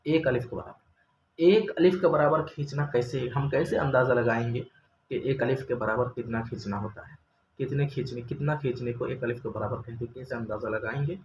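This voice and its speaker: A man's voice: mid-range voice, moderate pace, a little mellow. Male Quran-reading teacher, patient and methodical, stretches out example sounds, echoey room, faint hiss. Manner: patient, asks questions then answers them, drawls example sounds. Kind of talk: step-by-step recorded lesson. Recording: roomy echo, faint ambient noise.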